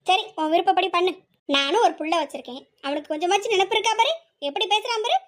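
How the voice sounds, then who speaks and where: A woman voicing a stern, scheming middle-aged aunt with a sharp, scolding way of talking. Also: very high voice, fast. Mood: calm, wary. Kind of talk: hobby audio drama.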